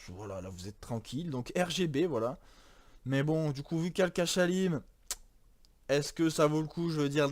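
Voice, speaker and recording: A man's voice: mid-range voice, darkish tone, no room sound. A man from France casually walking through a PC build, rambling with many fillers and self-corrections. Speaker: YouTuber presenting a PC build. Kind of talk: casual chat.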